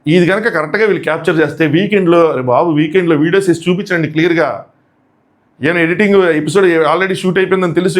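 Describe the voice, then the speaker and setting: Fast-talking man reviewing a TV episode. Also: high-pitched. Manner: critical, argumentative, emphatic. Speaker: reality show reviewer.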